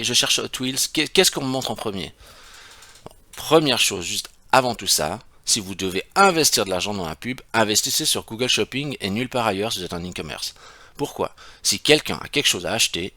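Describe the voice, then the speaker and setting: A man gives a screen-share tutorial, talking in a loose, conversational way. His voice sits fairly low but sounds bright and forceful, and it stays close and dry with no room sound. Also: dry recording. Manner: conversational, emphatic explaining with rhetorical questions. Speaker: e-commerce consultant.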